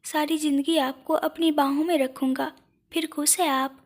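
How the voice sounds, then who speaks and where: A woman voicing a tender, loving young husband who speaks softly and with affection. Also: sits high, steady tone, normal speed, natural voice.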